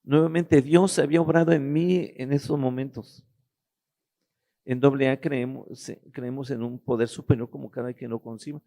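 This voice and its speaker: A middle-aged man giving a personal testimony, halting and restarting as he searches for words. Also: medium pitch, fairly even intonation, dark tone.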